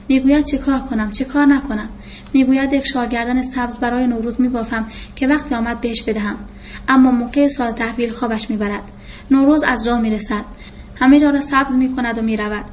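Give me a talkative middle-aged doctor, read by a woman in a fairly high voice, with light hiss behind. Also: close to an everyday voice. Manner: talkative, storytelling. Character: chatty middle-aged male doctor suitor. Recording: muffled with faint hiss.

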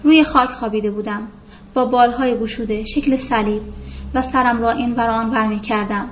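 A woman reads a literary novel aloud, calm and measured in her storytelling. Her voice sits somewhat high. The recording is dull and lo-fi, with a faint hiss behind her. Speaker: narrator. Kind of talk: literary audiobook narration.

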